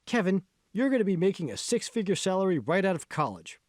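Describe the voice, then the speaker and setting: Voicing an earnest mentor, a man delivers an emphatic, instructive lecture at a quick pace, his pitch moving in lively swings. The mood is earnest and encouraging, captured in a close, dry audiobook recording without echo.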